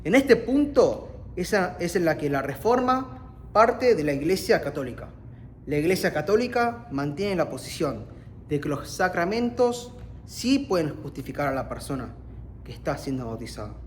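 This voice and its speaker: Argentine male preacher, earnest and emphatic, voice on the higher side. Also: very animated, moderate pace, slight background noise. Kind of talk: sermon.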